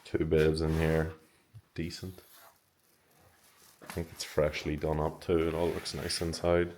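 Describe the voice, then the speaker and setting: A man's voice: very deep voice, completely flat delivery, unhurried, darkish tone, a little hiss or hum. An Irish man talking casually to his vlog audience. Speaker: vlogger and endurance racer.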